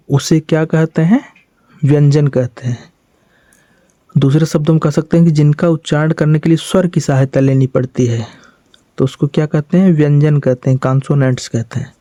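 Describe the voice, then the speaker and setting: A man's voice: on the high side, warm tone, no room sound, muffled recording. Patient man teaching step by step. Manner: patient, repeats points and asks the listener questions. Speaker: English teacher. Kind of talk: classroom-style explanation.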